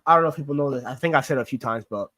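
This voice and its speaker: Racing along in a bright, forceful, medium-pitched voice, a Greek-born young man raised in New York talks with a Queens accent. He answers livestream chat questions casually, rambling and full of fillers and restarts. The recording is dry.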